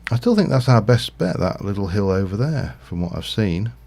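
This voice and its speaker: Low gravelly man streaming. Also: big pitch swings, normal speed, darkish tone. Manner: rambling, thinking aloud with frequent fillers. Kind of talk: casual Minecraft livestream commentary.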